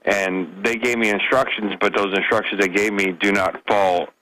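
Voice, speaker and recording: A man's voice: fairly low pitch, fairly even intonation, moderate pace, sharp tone, low-quality recording. A man calling in to a radio show, giving a casual personal account.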